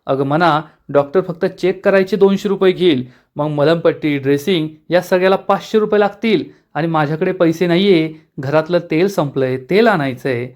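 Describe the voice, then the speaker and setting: Man voicing soft, reassuring teacher mom, raised pitch. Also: moderate pace, lightly acted. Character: gentle, self-sacrificing schoolteacher mother.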